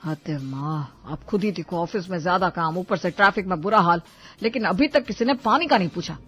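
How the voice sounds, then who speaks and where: A woman's voice: fairly low pitch, brisk, fairly bright tone, husky, faint music behind. A woman voicing a put-upon young husband in a cartoon, complaining and teasing by turns. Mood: grumbling. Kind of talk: cartoon voice acting.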